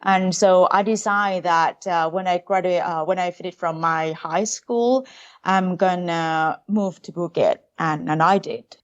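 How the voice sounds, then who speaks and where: A young woman from Thailand with a Thai accent, speaking English as a second language as a food tour guide in a casual podcast interview, pausing often to search for words. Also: on the low side, fairly even intonation, clean tone, highs cut off. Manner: hesitant, searching for words, many fillers.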